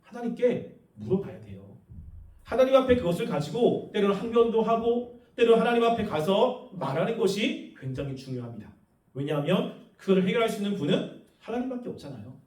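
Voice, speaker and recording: A man's voice: high voice, very animated, a little fast, darkish tone, distant mic. A man preaching a sermon as pastor, asking the congregation questions and acting out quoted prayers. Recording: echoey room, voice off the mic.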